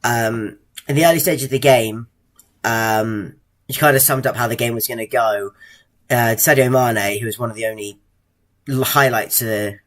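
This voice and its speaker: A man co-hosting a casual football podcast, measured and hesitant, with plenty of fillers. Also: mid-range voice, a bit bright. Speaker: podcast co-host.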